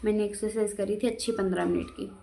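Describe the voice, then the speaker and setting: A woman's voice: mid-range voice, steady tone, quick pace, vocal fry, dark tone. Chatty young woman in an echoey room. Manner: rambling, repetitive recounting of her day. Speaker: vlogger. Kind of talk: casual diary-style vlog talk. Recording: echoey room with faint background noise.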